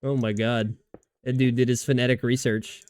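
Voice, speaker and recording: Here a man's mid-range voice comes through level and clean, with a somewhat dark tone and a moderate pace. He's livestreaming a game and chatting loosely with viewers, swearing frequently and restarting what he says.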